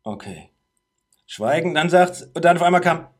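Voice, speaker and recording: A man's voice: a little high, lively intonation, normal speed. A man telling a story in casual chat, acting out the dialogue and laughing often.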